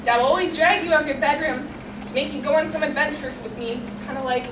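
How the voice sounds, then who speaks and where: At a school poetry reading, a late-teen girl with a high voice reads her own poem aloud quickly, earnestly and emotionally, running her lines together at length. The recording is echoey and distant, with loud ambient noise.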